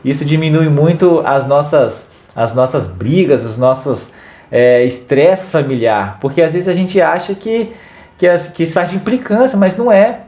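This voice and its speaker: A man's voice: a little high, normal speed, warm tone. A man co-hosting a family advice talk, explaining patiently and repeating key words for emphasis. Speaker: co-host giving family advice. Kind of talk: casual talk to viewers.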